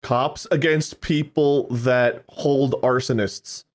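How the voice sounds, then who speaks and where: A man co-hosting a casual comedy podcast, throwing in deadpan wordplay jokes. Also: mid-range voice, slow. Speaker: podcast co-host.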